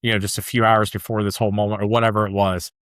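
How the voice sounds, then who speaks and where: Low-voiced man telling a story, chatty. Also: little pitch movement, very fast, fairly bright tone, smooth, dry recording, studio quality. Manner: loose and chatty, peppered with "like" and "dude". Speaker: podcast guest, ultra runner. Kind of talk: casual storytelling interview.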